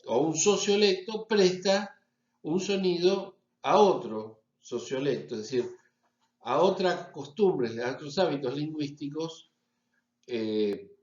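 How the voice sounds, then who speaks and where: A man with a Rioplatense accent lectures in a slow, patient way, pausing to check that his students follow. His voice sits in an echoey room and the recording sounds a little dull. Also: a little high, a little mellow. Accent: Rioplatense Spanish. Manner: explanatory, checks in with frequent "¿sí?". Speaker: university lecturer.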